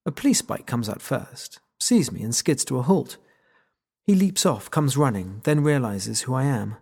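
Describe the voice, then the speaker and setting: Gravelly, husky male narrator. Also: medium pitch, animated, normal speed, darkish tone. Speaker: audiobook narrator. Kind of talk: first-person scripted narration.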